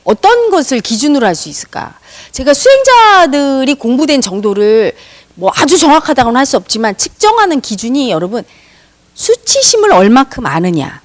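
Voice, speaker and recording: Lively high-voiced woman teaching meditation. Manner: emphatic, uses rhetorical questions and acted-out quotes. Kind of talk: spiritual lecture.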